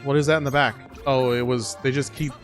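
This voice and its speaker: A woman's voice: a bass voice, steady tone, a little fast. A woman playing a video game and co-hosting with casual, reactive commentary. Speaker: gaming co-host and player. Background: game music.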